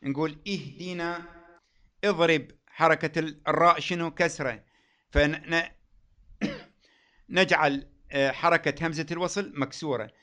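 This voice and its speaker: A man teaching a grammar lesson. He asks the class questions, answers them himself, and draws out example words slowly. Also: on the high side, fairly bright tone.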